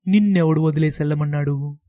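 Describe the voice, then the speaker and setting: A man's voice: sits high, expressive, normal speed, a little mellow, no echo, voice pushed up. A man voicing a teasing, sarcastic village barber with a mocking way of talking.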